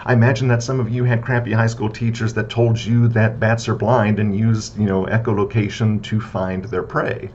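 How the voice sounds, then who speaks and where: Man teaching a philosophy class, conversational, filler-heavy delivery, low pitch, faint background rumble. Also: flat delivery, moderate pace, hardly any pauses, darkish tone. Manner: conversational, frequent "right?" and "uh" fillers; repetitive list-like debunking of myths. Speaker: philosophy lecturer. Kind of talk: casual recorded lecture. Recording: slightly dull lo-fi audio with faint rumble.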